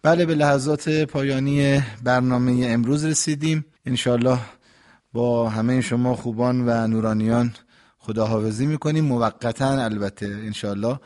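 Calm, didactic male radio host. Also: mid-range voice. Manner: calm, didactic, warm sign-offs. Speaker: radio host and religious expert. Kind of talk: radio talk, explaining prayer recitation.

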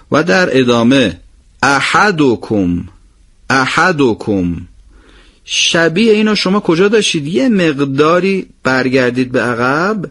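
A man leads a recorded recitation lesson in a mid-pitched voice. He explains each pronunciation rule, puts questions to his students and answers them himself. Then he reads the example phrases slowly. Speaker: Quran recitation teacher.

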